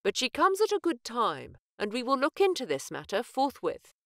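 A woman's voice: a little high, wildly swooping pitch, normal speed, no room sound, studio quality, voice pushed up. Woman doing a stern colonial governor. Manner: stern, formal, commanding.

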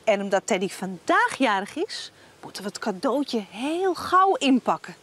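A woman in her thirties telling a simple story to young children outdoors, with expressive, exaggerated and repetitive delivery. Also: fairly high pitch, normal speed, slightly rough. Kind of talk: improvised storytelling for young children with sing-song chanting. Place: outdoor garden set.

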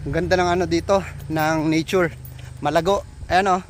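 Male travel vlogger, outdoors on a steep slope, winded, excitable, high voice, speaks into a phone. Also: normal speed, slight background noise. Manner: excited, exclaims often, addresses viewers as trippers. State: out of breath. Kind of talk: casual walking travel vlog. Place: steep mountain trail outdoors. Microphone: handheld phone.

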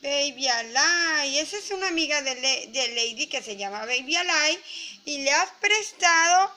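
A woman's voice: high voice, animated, normal speed, bright, forceful tone. A woman with a Latin American Spanish accent, hosting a toy channel and playing mother to a crying baby doll in a sweet, coaxing voice.

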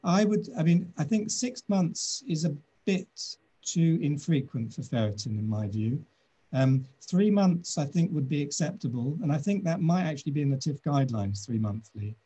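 A British-accented doctor in his sixties answers webinar questions over a video call from his office, speaking in a measured, thoughtful manner with many pauses. His voice is on the high side, mellow and animated, with a breathy edge.

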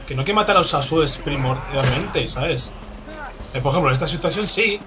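A man with a Spanish accent from Spain, commentating a game he is playing, excitable and swearing, with sudden loud outbursts. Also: fairly high pitch, a little fast. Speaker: gameplay commentator. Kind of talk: let's play commentary. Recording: game music in background.

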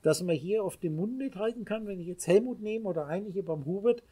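A man teaches a small group in a spiritual lecture. His voice is mellow and somewhat husky. He talks emphatically, repeats his points and speaks straight to his listeners. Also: high voice, a little fast. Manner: emphatic, repetitive, addresses listeners directly.

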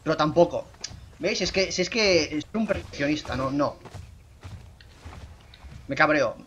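A man's voice: normal speed, a little hiss or hum. A young man giving casual, self-mocking gameplay commentary into a desk microphone. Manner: chatty, self-mocking, bursts into excited high shouts. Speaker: gaming YouTuber.

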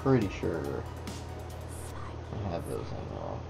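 With a very deep, creaky voice and a slow pace, a man works through a model kit at his indoor workbench. He stays relaxed and casual, addressing the parts as he builds, while background music runs under his voice.

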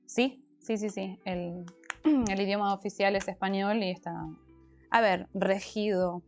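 Chatty and prone to long explanations, this Argentine woman with a Rioplatense accent, once a language teacher, reads and answers her chat while crafting on stream. She speaks at a medium pitch in a steady, slightly mellow tone at a measured pace, a bit congested from allergies, over soft background music.

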